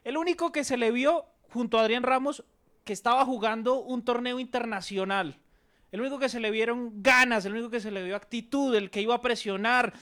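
A man's voice: very high-pitched, a bit bright. A Colombian man reporting on a match, emphatic and opinionated, repeating his points. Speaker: sports reporter.

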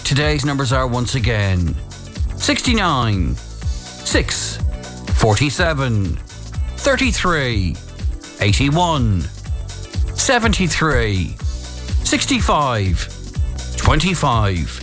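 A man's voice: mid-range voice, wildly swooping pitch, extremely slow, long pauses. An Irish man working as a radio bingo caller, reading out numbers digit by digit. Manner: repeats each number digit by digit. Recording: music behind the voice. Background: music bed.

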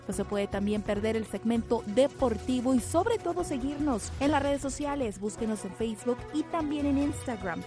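A woman news anchor reading a scripted preview of the evening news in a brisk, formal delivery. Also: a little high.

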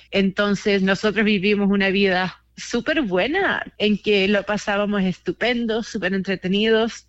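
A woman's voice: medium pitch, a bit bright. A woman in her forties from Chile, reflecting on her life in a personal interview with many fillers. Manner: reflective, uses many fillers like "como que". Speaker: interview guest, community organizer. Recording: slightly dull, lo-fi sound.

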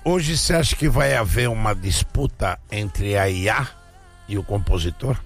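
A man's voice: lowish voice, expressive, normal speed, gravelly, soft background music. A man with a Brazilian Portuguese accent, a radio co-host who asks pointed, curious questions. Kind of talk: casual radio talk.

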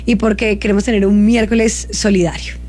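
This Colombian-accented woman from Cali keeps a medium pitch with little movement as she talks fairly fast in the easygoing manner of a live radio host, with background music running underneath.

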